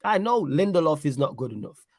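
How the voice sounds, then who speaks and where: A man's voice: on the high side, very animated, a little fast, no room sound, clean studio sound. A man giving a casual football reaction, emphatic and repeating himself for effect. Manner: emphatic, repeats "you know what I'm saying". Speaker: football pundit.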